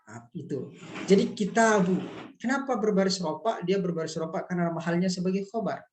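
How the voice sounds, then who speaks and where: A man teaching a class in a relaxed, reassuring way, working through examples with rhetorical questions. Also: high voice, a little fast, a little hiss or hum. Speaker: lecturer. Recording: echoey room.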